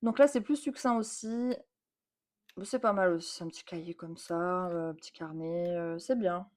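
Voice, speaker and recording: A woman's voice: fairly low pitch, moderate pace, darkish tone. Chatty French woman unboxing tarot decks. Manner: chatty, repeats words, many fillers. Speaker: tattoo artist and tarot channel host. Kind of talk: casual tarot deck unboxing.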